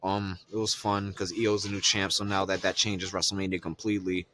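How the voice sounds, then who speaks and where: A man's voice: low voice, level tone, fairly quick, pushed and bright, a little hiss or hum. A man co-hosting a podcast, recapping wrestling in loose, profane casual chat full of fillers. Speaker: podcast co-host.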